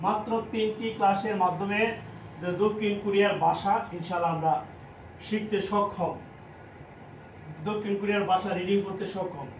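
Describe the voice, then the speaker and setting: A high-voiced man with a Bangladeshi Bengali accent teaches a class, drilling each point by repeating it slowly. He sounds roomy and set back from the mic, with a faint hum of the surroundings behind him. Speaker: language teacher. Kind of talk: classroom lesson. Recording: echoey room, mic at a distance.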